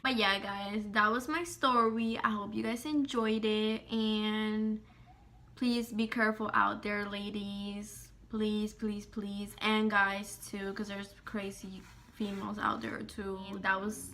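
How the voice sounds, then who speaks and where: A woman vlogger telling a storytime in casual, profane, rapid speech, acting out the dialogue. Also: mid-range voice. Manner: profane, rapid, animated retelling with quoted dialogue.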